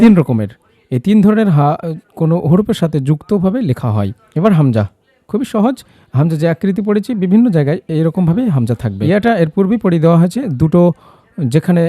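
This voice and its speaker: A man leads a recitation lesson in a patient, encouraging way, pausing to model each letter sound for the learner to repeat. His voice sits a touch high for a man and has a mellow, soft tone. The recording is dry and close, with no room sound. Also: dry recording. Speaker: Quran recitation teacher.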